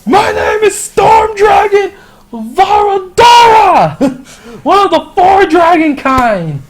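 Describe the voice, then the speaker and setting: A man voicing a huge, boastful male storm dragon that shouts a booming proclamation. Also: sing-song, slow, a crowd in the background, noisy background, exaggerated voice. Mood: boastful roar.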